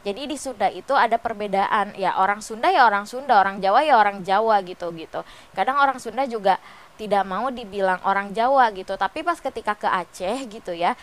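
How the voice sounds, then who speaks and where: A young woman from West Java chats to her followers while lying sick in bed. Her voice is nasal and stuffed up, sitting a little high, yet it stays clear and smooth. She rambles in a friendly, casual way, filling her sentences with little filler words. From West Java, Indonesia. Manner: chatty, peppered with fillers. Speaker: vlogger. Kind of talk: casual chatty vlog. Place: bedroom, on a bed.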